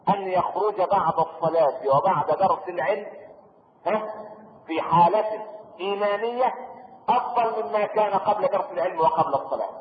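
A man with an Egyptian Arabic accent preaching a sermon, lively and joking, full of rhetorical questions to the audience. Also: high-pitched. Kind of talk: sermon with colloquial asides. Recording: echoey hall on a tinny lo-fi recording with faint noise.

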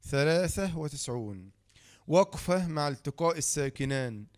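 A man's voice: a little high, lively intonation, normal speed. A man with an Egyptian accent teaching Quran recitation rules, quizzing himself and answering, spelling words letter by letter. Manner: asks rhetorical questions and answers them himself. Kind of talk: tajweed lesson explaining rules from a book.

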